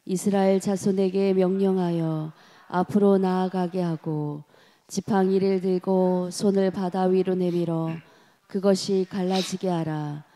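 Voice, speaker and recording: A woman reads a scripture passage aloud during a worship service. Her voice sits low and stays flat and steady. She keeps the reading slow and measured throughout.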